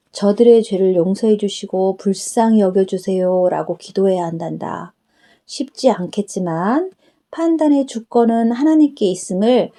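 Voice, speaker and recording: A woman's voice: mid-range voice, dark tone. A woman preacher voicing Jesus as a tender, solemn, fatherly figure who instructs her. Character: Jesus, gentle fatherly male divine voice.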